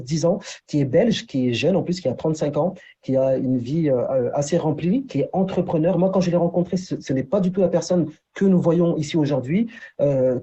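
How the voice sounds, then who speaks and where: Husky man pitching business on a video call. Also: mellow, muffled recording. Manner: repeats "d'accord" and "entre guillemets", many fillers. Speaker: presenter of a business opportunity. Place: Paris.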